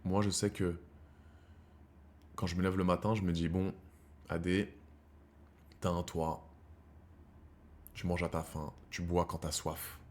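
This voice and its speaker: Unhurried and low, with little pitch movement and long pauses, this man in his thirties talks to his live-stream viewers. He calls them brothers, rambles in slang, and moves from heated rants to quiet musing.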